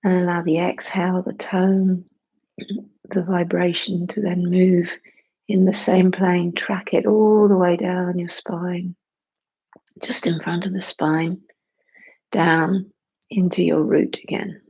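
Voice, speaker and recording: Meditation guide: mid-pitched, heavily creaky and breathy, hushed delivery, slightly muffled recording. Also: level tone. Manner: hushed, unhurried instruction with long pauses.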